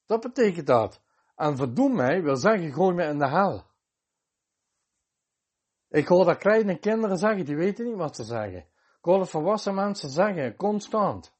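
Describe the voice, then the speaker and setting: A man's voice: high-pitched, lively intonation, normal speed, long pauses, slightly rough. A man preaching a sermon, quoting scripture with chapter and verse in an emphatic manner.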